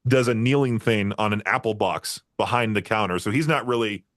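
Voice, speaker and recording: This man hosts a podcast and spins lengthy, meandering stories in a casual interview, laughing and using lots of fillers. His lowish voice has a fairly bright tone and a fairly quick delivery. Clean studio audio, with no room sound.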